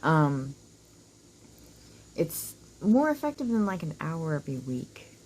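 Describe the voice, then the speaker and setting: A woman's voice: sits low, sing-song, slow, a little mellow, slight background noise, low-quality recording. A woman with a whistling s, giving a casual, rambling oracle card reading to viewers, informal and happy to swear. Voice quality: whistling s from dental work. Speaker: oracle card reader, host.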